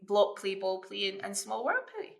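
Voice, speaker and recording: A woman's voice: mid-range voice, big pitch swings, moderate pace, gravelly. A middle-aged woman who works as an early years educator, talking as a guest on a casual podcast. She tells stories with lots of energy and often repeats words as she starts a thought.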